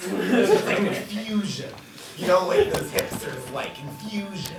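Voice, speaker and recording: A woman acting as game master, narrating slowly in a dry, offhand way. Her voice is gravelly, and it sounds distant in an echoey, noisy room. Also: mid-range voice, big pitch swings, music in the background. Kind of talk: improvised comic narration.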